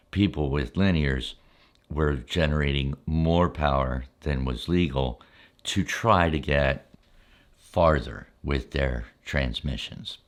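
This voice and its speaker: An older man who hosts an ASMR channel tells stories from memory in an exceptionally deep, low voice. Relaxed and unscripted, he takes his time, often pausing midway through a sentence before carrying on.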